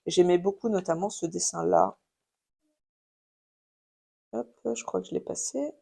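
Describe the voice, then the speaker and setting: A woman's voice: fairly low pitch, unhurried, vocal fry, warm tone, husky. A woman in her thirties with a French accent, chatting casually in a haul video at home, with many fillers and restarts. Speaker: craft YouTuber showing purchases. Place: home with a baby nearby.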